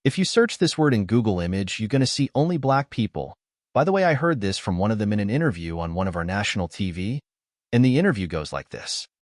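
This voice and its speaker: A man's voice: on the low side, very animated, fast talker, dry recording, studio quality. A man from North Africa narrating an argumentative commentary video, scornful and lecturing.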